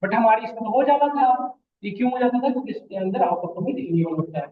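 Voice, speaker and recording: Speaking fast and expressively in a high voice, a male lecturer runs a database class, addressing students as "beta" and asking checking questions to make sure they keep up. The phone-like, lo-fi audio comes from a distant mic, with a little hiss or hum.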